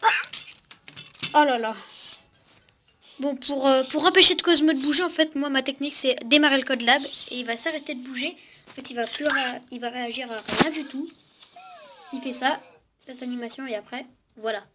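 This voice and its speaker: High-voiced young woman demoing a robot, noisy. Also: moderate pace, long pauses. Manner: chatty, talks to the robot and her viewers, often restarts. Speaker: vlogger demonstrating a toy robot. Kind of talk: casual unboxing-style demo. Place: at home with a cat on her lap. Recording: noisy home recording.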